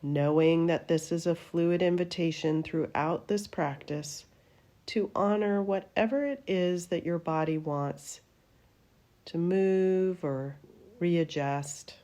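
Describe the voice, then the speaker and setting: Guiding a meditation very slowly and gently, a woman who teaches yoga nidra uses soothing phrases that fade out at their ends. Her voice is low and mellow, and her dark, relaxed tone suits someone teaching deep rest practice.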